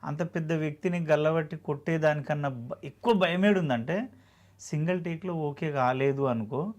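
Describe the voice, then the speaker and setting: A man's voice: fairly high pitch, moderate pace, darkish tone. A man, an actor telling his story earnestly and emotionally in an interview, often acting out dialogue.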